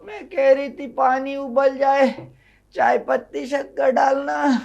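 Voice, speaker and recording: A man's voice: very high voice, fairly even intonation, slow pace, creaky, darkish tone, muffled recording, pitched above the performer's own voice, exaggerated voice. A man with a Hyderabadi accent voicing a fussy, ailing middle-aged wife who groans and whines. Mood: whiny complaining. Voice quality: whiny, groaning.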